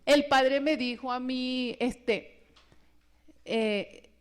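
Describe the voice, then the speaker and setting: A woman giving a personal testimony at a religious retreat, telling her story in a lively way and acting out the voices of the people in it. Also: sits high, drawn-out words, clean tone. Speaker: retreat speaker.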